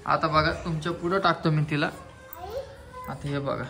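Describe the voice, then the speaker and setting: A man's voice: fairly high pitch, fairly even intonation, normal speed, creaky, sharp tone, soft background music. A man chatting playfully at home for his family vlog, coaxing the children as he films. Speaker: family vlogger. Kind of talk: casual home vlog chat. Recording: noisy home phone recording.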